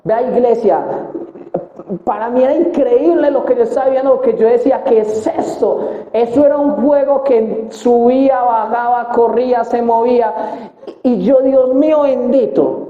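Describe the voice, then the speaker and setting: A man's voice: very high-pitched, moderate pace, dark tone. A young man preaching and telling his testimony with feeling, speaking straight to the congregation. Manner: emotional storytelling, addressing the congregation directly. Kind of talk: sermon testimony. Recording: echoey, tinny phone-like sound.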